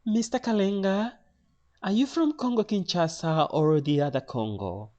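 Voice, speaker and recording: A man's voice: sits high, moderate pace, a little mellow, dull audio, pitched above the performer's own voice, lightly acted. A man putting on a Spanish-accented female gate agent. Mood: officious. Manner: formal, suspicious questioning.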